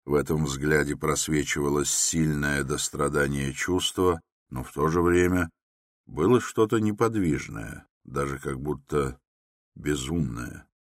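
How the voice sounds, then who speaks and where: A man narrating an audiobook in a measured, even manner. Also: very deep voice, no room sound, clean studio sound.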